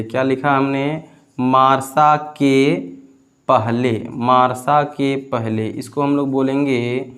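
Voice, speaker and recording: Male English teacher, slightly high voice, slow deliberate drills. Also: a bit bright. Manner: slow, drawn-out, repeats each example and quizzes the viewer. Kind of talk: classroom-style video lesson.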